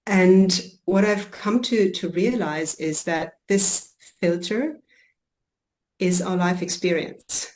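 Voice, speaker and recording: Speaking on a podcast, a German-raised coach and healer reflects on what she does, often saying um and starting phrases over. Her voice is a bit low for a woman and a little mellow.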